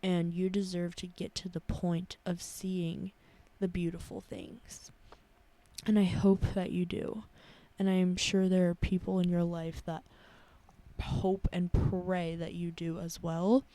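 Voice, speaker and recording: A tired young woman in her twenties hosting a casual advice podcast from her bedroom, talking softly and slowly. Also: lowish voice, flat delivery, dry recording. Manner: soft, sleepy and unhurried. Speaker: podcast host. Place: her bedroom at her parents' house.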